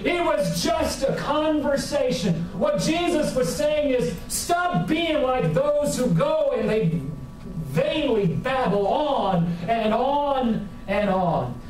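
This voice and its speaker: A man in his forties preaching a sermon to a congregation, with folksy, humorous and animated storytelling. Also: sits high. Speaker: pastor. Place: church sanctuary with a congregation. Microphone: far camera at the back of the room. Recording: very echoey church hall from far off.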